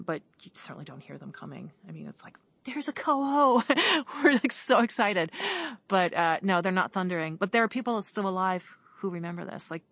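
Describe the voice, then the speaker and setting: A woman's voice: low voice, a bit bright. A woman talking in an enthusiastic, rambling way, full of "like", in a casual outdoor conversation in the woods. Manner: enthusiastic, rambling, heavy use of "like". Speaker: guest on a podcast. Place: outdoors in woodland.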